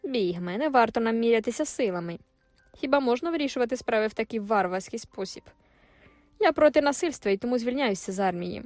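A woman's voice: fairly high pitch, quick pace, a little mellow, dry recording, faint music behind, natural voice. A woman voicing a cocky, careless young sergeant in an audiobook, speaking in a mocking tone. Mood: offhand. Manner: mocking, offhand. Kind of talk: audiobook character voice.

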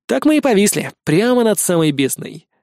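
A man reads a first-person novel aloud in an expressive, wry way. His voice sits high for a man. The recording is dry and close, with no room. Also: normal speed, dry recording. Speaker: audiobook narrator.

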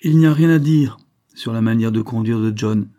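A man voicing a sharp, scolding spinster sister-in-law who contradicts everything. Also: mid-range voice, normal speed, lightly acted. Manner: sour and contradicting.

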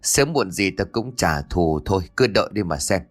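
A man's voice: sits low, expressive, normal speed, faint music behind. A man voicing a whiny young male apprentice who pleads and grumbles in a comic story. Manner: whining, pleading.

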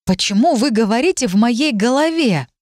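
A woman playing a frightened, flustered young woman pathologist who speaks in shrill, frantic exclamations. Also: very animated, normal speed, a little mellow, no room sound, studio quality.

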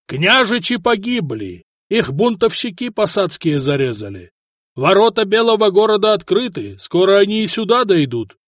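A scheming old boyar shouts his proclamations with a raised, lively voice, put on by a man narrating an audiobook. The sound is dry and close. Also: sits high, normal speed, dry recording, voice pushed up. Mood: triumphant shouting. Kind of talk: audiobook character voice.

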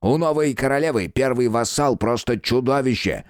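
A man voicing a loud, cantankerous old village grandfather who yells taunts and boasts in an audiobook. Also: medium pitch, moderate pace, no room sound, clean studio sound, pitched above the performer's own voice, lightly acted. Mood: shouting, taunting. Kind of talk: audiobook character voice.

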